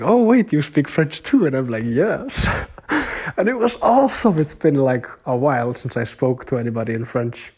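A man's voice: mid-range voice, a little mellow, husky. Rambling young man chatting in a video diary. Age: young adult. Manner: rambling, filler-heavy, laughs often. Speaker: vlogger.

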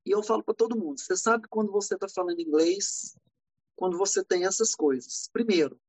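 A man from Brazil, a podcast guest, telling lively anecdotes in a casual way and acting out the dialogue. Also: high-pitched, a little fast, breathy edge, no room sound, rough recording. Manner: animated, acts out dialogue in anecdotes. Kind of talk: casual storytelling. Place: living in California.

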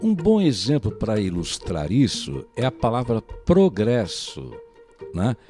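Brazilian male language teacher, low voice with a lot of melody, patient and explanatory, soft music underneath. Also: huge pitch swings, a little slow. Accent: Brazilian Portuguese. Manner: patient, explanatory, keeps asking "né?". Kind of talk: recorded language lesson.

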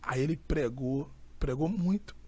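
Raspy high-voiced Brazilian preacher. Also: male voice, a little slow. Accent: Brazilian Portuguese. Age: young adult. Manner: animated, emphatic storytelling. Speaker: itinerant preacher and pastor. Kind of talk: casual storytelling chat.

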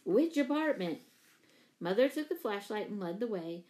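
A woman narrating a children's novel in a clear, measured storytelling manner. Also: medium pitch, expressive, darkish tone, low-quality recording. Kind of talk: audiobook narration.

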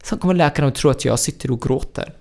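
Gravelly young man. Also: on the high side. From Syria. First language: Arabic. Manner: animated, laughing storyteller with broken Swedish. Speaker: guest. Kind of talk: storytelling interview.

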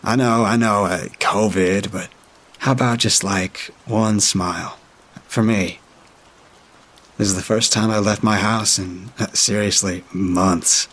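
A man's voice: on the low side, steady tone, unhurried, fairly bright tone. A man voicing a pushy, tipsy young man who wheedles and leers in a story reading. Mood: wheedling.

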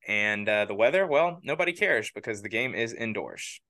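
A man with a bright, forceful voice co-hosts a casual football podcast. He steers the conversation into new segments and keeps asking pointed questions. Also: fairly low pitch, lively intonation, normal speed. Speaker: podcast co-host. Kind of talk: casual sports chat.

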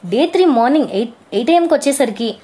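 Podcast host, a woman: high voice, chatty and casual. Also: expressive, quick pace, warm tone. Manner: chatty, mixes English words into her talk, reads quotes with raised voice. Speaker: podcast host recapping a reality show. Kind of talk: casual storytelling recap.

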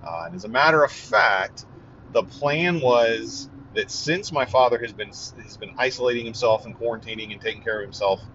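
A man giving a casual, earnest update, halting with many fillers and restarts. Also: mid-range voice, a bit bright. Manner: earnest and relieved. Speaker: vlogger giving a family update. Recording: dull lo-fi audio with faint vehicle noise.

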